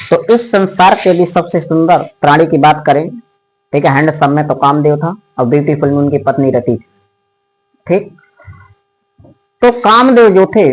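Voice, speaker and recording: A man with a high voice teaches a Hindi poem to exam students. He explains each line patiently, keeps asking the class questions and keeps saying "ठीक" to check they follow. Now and then he stretches the verses out into a slow, loud chant. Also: low-quality recording. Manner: chants the poem lines slowly and loudly in a sing-song. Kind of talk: exam-prep poetry lesson.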